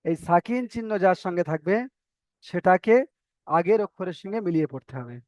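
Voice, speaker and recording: A male teacher, giving a step-by-step recitation lesson, spelling out letters slowly and repeating syllables. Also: sits high, animated, no echo. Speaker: Quran reading teacher.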